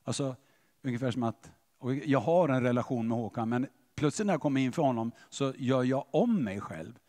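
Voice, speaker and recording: A man preaching a sermon in a church, animated and often asking the listeners if they follow. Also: medium pitch. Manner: animated, questioning the audience. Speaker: pastor. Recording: church hall reverb.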